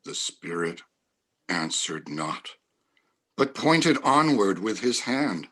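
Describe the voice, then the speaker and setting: A man narrates a dramatic story at a very slow pace. His voice is husky and on the low side, and his delivery is grave and deliberate. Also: big pitch swings, fairly bright tone.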